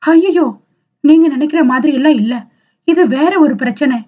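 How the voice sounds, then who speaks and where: A woman reading the lines of a gentle young woman, tearful and troubled. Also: sits high, normal speed, phone-quality sound, close to an everyday voice. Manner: soft, tearful.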